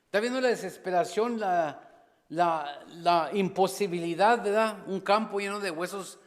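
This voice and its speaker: A man preaching as a pastor, passionate, rising to loud appeals and dropping to hushed asides. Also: sits high, unhurried. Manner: impassioned, swings between loud exhortation and hushed asides; slips briefly into English phrases. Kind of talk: sermon. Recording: long church reverb.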